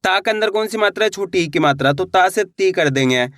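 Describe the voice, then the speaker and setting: A man teaching Hindi reading online, sounding out words slowly syllable by syllable and repeating each rule. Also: high-pitched, lively intonation, a bit bright, no echo, clean studio sound. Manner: slow syllable-by-syllable drilling, repeats rules.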